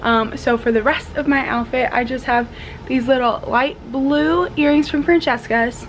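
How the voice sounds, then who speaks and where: A bubbly young woman with a fairly high voice chats to her vlog like an excited sorority girl. Her talk is casual and sprinkled with "like". The camera microphone picks up clear room noise around her. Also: normal speed, rough recording. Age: young adult. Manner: heavy use of "like". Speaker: vlogger, college sorority member. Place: small dorm room, indoors. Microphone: handheld camera at arm's length.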